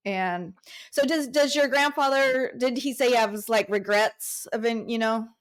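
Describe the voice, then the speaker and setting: A woman's voice: a little high, measured pace, smooth. A woman hosting a casual interview, often chiming in with agreement. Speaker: channel host. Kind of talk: casual video-call interview.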